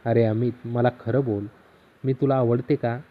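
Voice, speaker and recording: A man's voice: mid-range voice, flat delivery, normal speed, natural voice. A man voicing a teasing neighbor aunt, lo-fi. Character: middle-aged neighbor aunt, teasing and lonely. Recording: slightly dull lo-fi audio.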